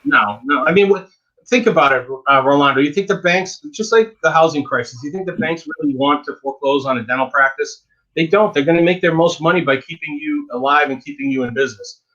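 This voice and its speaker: A man's voice: on the high side, fairly quick, sharp tone, highs cut off. A dentist giving frank, emphatic advice in a casual interview, often repeating words as he talks.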